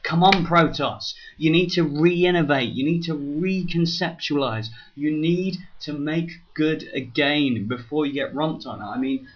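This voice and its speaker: A man's voice: on the high side, a little slow, few pauses. Guy casting a game match, gets ranty and talks right at the viewers, kinda dull lo-fi sound. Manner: animated, ranting, talks straight to the viewers. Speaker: game commentator. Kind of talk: casual match commentary with a rant. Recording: slightly dull lo-fi recording.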